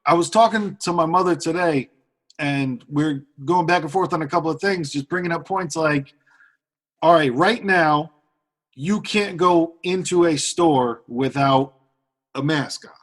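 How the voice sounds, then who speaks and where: Male podcast cohost, slightly high voice, rambling casual talk. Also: fairly bright tone. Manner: rambling, drawn-out musing. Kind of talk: casual chat.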